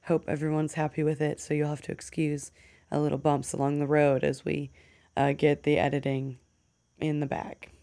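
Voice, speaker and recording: Kentucky woman, podcast host, deep with vocal fry, chatty and loose. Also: monotone, normal speed, mellow. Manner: chatty, laughs often, rambling. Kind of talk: casual chat.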